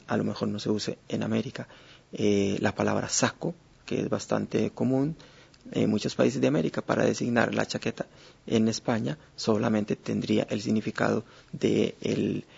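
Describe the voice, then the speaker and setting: A man teaching a lesson, speaking in a measured way with many hesitations and fillers. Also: fairly low pitch, vocal fry, darkish tone, breathy edge. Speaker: Spanish teacher. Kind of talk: explanatory lesson. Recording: dull lo-fi recording.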